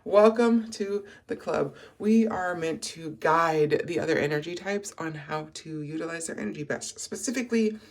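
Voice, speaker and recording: A spiritual life coach in their thirties rambles through a casual morning vlog. The voice is groggy and gravelly, with a rough fry from a short night's sleep. The talk is reflective and full of fillers and restarts. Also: mid-range voice, moderate pace, few pauses.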